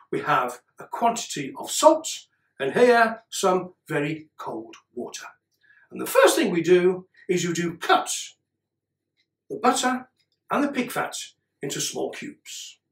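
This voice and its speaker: Man playing a slow, swooping, pompous Tudor king. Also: sits high, fairly bright tone, heavily acted. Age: middle-aged. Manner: pompous, archaic, deliberate phrasing with dramatic pauses. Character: pompous King Henry VIII, a Tudor monarch cooking. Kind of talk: mock-Tudor cookery demonstration to camera. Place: indoor room with cloth backdrop. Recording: roomy, distant camera microphone.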